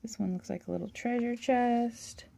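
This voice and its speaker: A woman hosting a toy-collecting channel, chatting and gushing through a catalog in a hoarse voice. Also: a little high, moderate pace, mellow. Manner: chatty, gushing, with little laughs. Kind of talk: casual show-and-tell of a toy catalog.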